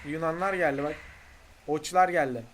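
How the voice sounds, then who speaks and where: A young man streaming a game live, swearing a lot and shouting repeated chants to rally his viewers. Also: on the high side, steady tone, normal speed, slight background noise.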